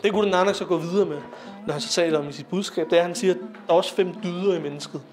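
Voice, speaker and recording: A young man gives a relaxed, informal lecture, full of fillers and little check-in questions to his audience. His voice sits a little high for a man. Soft music plays faintly underneath. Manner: conversational, with frequent fillers and tag questions. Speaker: lecturer on Sikh philosophy.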